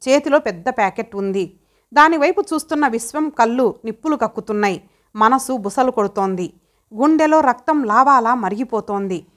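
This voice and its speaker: A woman reading an audio story aloud as its narrator, in a measured, dramatic way. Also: a little high. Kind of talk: scripted narration.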